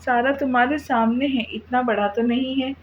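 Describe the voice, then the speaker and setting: A woman voicing a doting, gentle young husband in a storybook reading, tender and coaxing. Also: sits high, fairly even intonation, moderate pace, lo-fi sound, slight background noise, close to an everyday voice.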